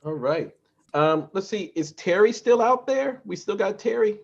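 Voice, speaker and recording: A man hosting a virtual bird walk, talking in a relaxed, reflective way with many fillers. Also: high-pitched, a little slow, vocal fry, lo-fi sound. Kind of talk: casual moderating.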